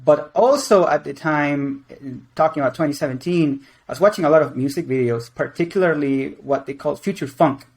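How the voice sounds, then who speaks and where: A man in his twenties from Venezuela and Mexico, a game creative director, answers interview questions in a casual, rambling way full of restarts and fillers. His voice is a little high and a little fast, with few pauses.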